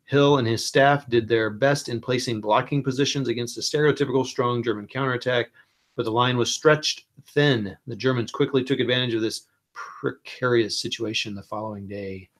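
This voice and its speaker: A man with a mid-range voice hosts a wargaming board game stream from his desk, speaking into a computer mic. He calmly and unhurriedly explains the rules, thinking aloud and filling his speech with lots of ums.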